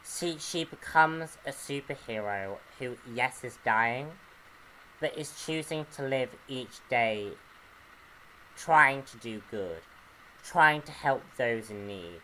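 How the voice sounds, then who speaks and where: Slow, hesitant man reviewing comics. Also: mid-range voice, sharp tone, slight background noise, low-quality recording. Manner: hesitant, pauses often to search for words. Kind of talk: unscripted review monologue.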